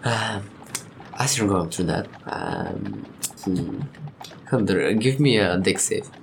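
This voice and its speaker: A man narrating a tabletop game as game master, halting with many fillers, laughing often and swearing casually. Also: low voice, wildly swooping pitch, gravelly, over music.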